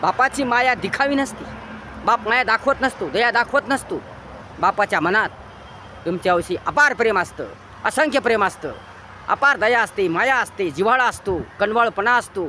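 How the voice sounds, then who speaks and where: A man with a Marathi accent giving an impassioned moral lecture, preachy and repetitive, swinging between loud emphatic bursts and quiet low lines. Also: expressive, normal speed, slight background noise. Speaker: motivational speaker.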